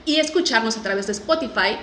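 Bright, emphatic Mexican woman hosting. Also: fairly high pitch, lively intonation, fast, echoey room, slight background noise. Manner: emphatic, chatty. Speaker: podcast host. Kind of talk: upbeat presenting and interviewing.

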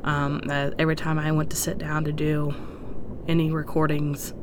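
A woman with a low voice talks casually to her podcast listeners, short of breath as she goes. Her delivery is hesitant, rambling and apologetic. There is clear background noise under the recording. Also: monotone, moderate pace. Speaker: podcast host.

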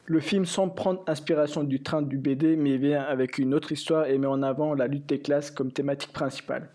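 A man hosting a podcast, leading the talk in a steady, measured way. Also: fairly high pitch. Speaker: podcast host. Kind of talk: podcast hosting, partly read script.

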